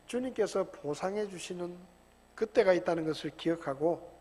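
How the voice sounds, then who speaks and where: A man's voice: sits high, moderate pace, darkish tone. A man from Chungcheong, a pastor preaching an earnest, exhorting sermon whose volume swells and drops. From Chungcheong, Korea. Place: church sanctuary. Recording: long church hall reverb.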